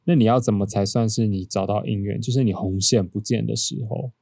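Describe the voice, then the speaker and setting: A man's voice: fairly low pitch, a little fast, gravelly, dry recording. A young man with a Taiwanese Mandarin accent, co-hosting a podcast and telling stories in a casual, teasing way. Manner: storytelling, animated and teasing. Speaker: podcast co-host. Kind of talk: casual chat.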